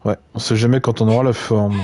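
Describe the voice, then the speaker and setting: A man's voice: on the low side, fairly quick. Chatty man streaming a game. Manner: relaxed, chatty, stammers and repeats words, swears casually. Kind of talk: casual gaming live-stream chat.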